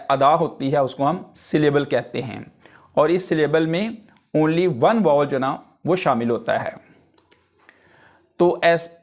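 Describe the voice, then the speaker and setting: Slow-paced male teacher. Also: fairly high pitch. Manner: explains in Urdu-Hindi, slowing right down for English definitions; repeats each point in several phrasings. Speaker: English phonetics teacher. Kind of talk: spoken lesson.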